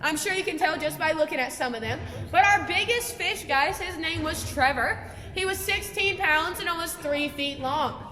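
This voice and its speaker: The cave's long reverb echoes around a young woman guiding a tour from a boat on an underground lake inside a large cavern. Chatty and casual, she calls the group "guys," speaking at normal speed in a high, pushed, bright voice.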